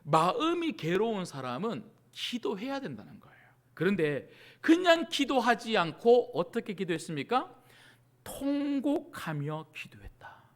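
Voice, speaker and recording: A middle-aged man, a pastor, preaching a sermon to his congregation, asking rhetorical questions and dropping from loud cries to near-whispers. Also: high-pitched, sing-song, a little slow. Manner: acts out desperate pleas in quoted prayers.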